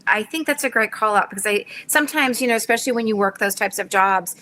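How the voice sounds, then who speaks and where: Bright-voiced woman interview host. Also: mid-range voice, a little hiss or hum. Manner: earnest, measured, sets up questions with researched figures. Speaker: show host. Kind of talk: interview questions.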